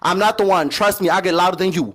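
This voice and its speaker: A man's voice: high-pitched, fairly even intonation, a bit bright. Sassy, confrontational man on a livestream. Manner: confrontational, sassy, mixes slang-heavy English into Danish. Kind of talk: heated livestream argument.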